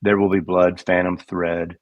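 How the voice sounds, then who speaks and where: A man's voice: low voice, flat delivery, measured pace, no echo, phone-quality sound. An older American man rambling through stories as co-host of a casual livestream chat. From United States. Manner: rambling storyteller, digressive.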